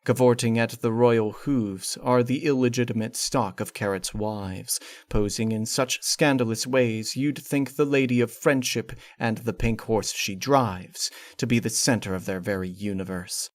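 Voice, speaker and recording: Reading a first-person gothic horror fan fiction from a script, this narrator has a medium-pitched voice that runs a little slow with hardly any pauses. His delivery is formal, theatrical and exact, and there is no echo.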